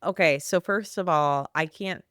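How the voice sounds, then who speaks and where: A woman's voice: low voice, measured pace, fairly bright tone, no room sound, clean studio sound. A woman co-hosting a casual chat, telling stories with a slight lisp from her braces. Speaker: podcast co-host.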